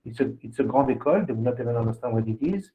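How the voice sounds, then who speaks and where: A man's voice: mid-range voice, animated, rapid-fire, warm tone. A man hosting a webinar as an admissions consultant, rambling through his explanation and checking in with "okay?". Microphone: video call. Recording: tinny phone-like call audio.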